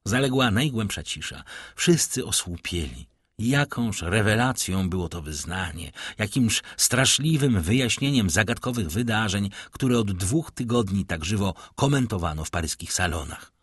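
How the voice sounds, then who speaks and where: A man narrating an audiobook in a measured, dramatic storytelling manner. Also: fairly low pitch, lively intonation, fairly bright tone, slightly rough, dry recording, studio quality.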